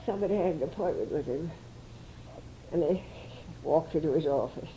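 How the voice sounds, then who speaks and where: A woman's voice: low-pitched, fairly quick, mellow, a little hiss or hum, poor audio. An older woman reminiscing chattily as an interviewee, with frequent restarts.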